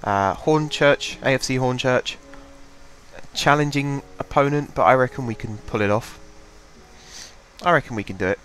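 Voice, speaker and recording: Soft music plays in the background as this young man, a gaming channel host, talks through his own game at a home desk microphone. He's congested from a cold, rambling casually and thinking out loud in a mid-range, fairly bright voice at a moderate pace.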